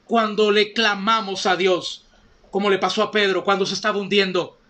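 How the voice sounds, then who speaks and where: High-voiced man preaching fervently. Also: flat delivery, moderate pace, pushed and bright. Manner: fervent preaching, addresses listeners as brothers and sisters. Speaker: pastor. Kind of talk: sermon.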